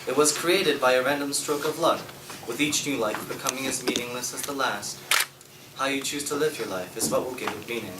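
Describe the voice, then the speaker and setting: A man acts out a film's talking computer, bleakly philosophical and impassive. The delivery is flat, clipped and machine-like, like a talking calculator. It sounds distant, in an echoey room with clear noise. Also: medium pitch, fairly quick, close to an everyday voice. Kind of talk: scripted film dialogue.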